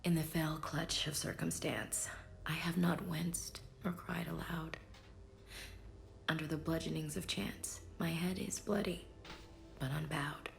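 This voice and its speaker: An actress playing an earnest, proud and grieving female soldier in a video game, with a slightly gravelly voice. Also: low-pitched, fairly even intonation, measured pace, heavily acted. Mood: solemn reciting. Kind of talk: video game dialogue acting.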